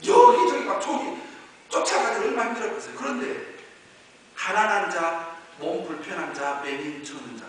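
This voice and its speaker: A male pastor preaching a sermon, moving from quiet low explanation to loud high-pitched exhortation. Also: a little fast. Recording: echoey hall, voice from far off, faint hiss.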